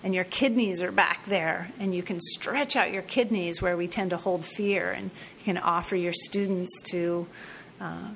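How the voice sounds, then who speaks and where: A woman with a fairly low voice talks through a yoga teacher training lesson. She repeats each term slowly and spells it out, dropping in casual asides. Faint background noise sits under her voice. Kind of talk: recorded teaching talk.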